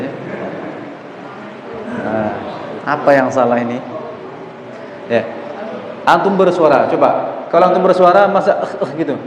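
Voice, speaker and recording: Male recitation teacher, higher voice, coaxing and patient; long reverb of a big mosque room. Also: highs cut off, background noise. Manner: patient, coaxing, demonstrates sounds himself. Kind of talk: hands-on pronunciation drill. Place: mosque hall. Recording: echoey mosque hall, faint ambience.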